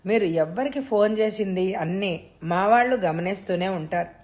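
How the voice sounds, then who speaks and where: Calm, mocking male extortionist who threatens a mother by phone; a woman narrator voices him. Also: mid-range voice, moderate pace, natural voice. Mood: cold menacing. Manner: cold, threatening, mockingly polite. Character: menacing male kidnapper on the phone.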